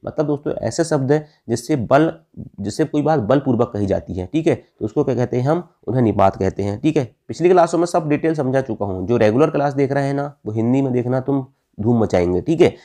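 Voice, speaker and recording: A man leads an exam-prep grammar lesson in a warm, mellow tone. He keeps asking "what is it called?" and answers it himself. He repeats each key term so it sticks. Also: medium pitch, expressive, brisk. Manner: asks the class questions and answers them himself, addressing "friends"; repeats key terms for emphasis. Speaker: Hindi grammar teacher.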